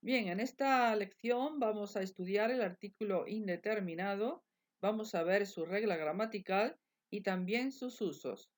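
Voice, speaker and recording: A woman, teaching English grammar in a slow, repetitive bilingual lesson. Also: medium pitch. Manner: slow, repetitive drilling of examples.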